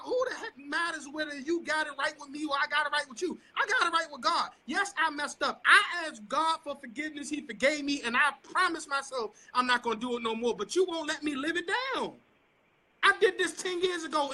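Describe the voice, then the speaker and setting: A man's voice: very high voice, pushed and bright. A man who is a preacher, talking with passion and frustration in a Bible study discussion. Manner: impassioned, preachy, voices frustration.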